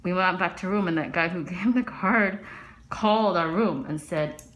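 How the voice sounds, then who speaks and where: Chatty low-voiced woman doctor. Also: normal speed, a bit bright. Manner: chatty, storytelling, often drops to a murmur. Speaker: dermatologist. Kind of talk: chatting while performing a procedure. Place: medical office.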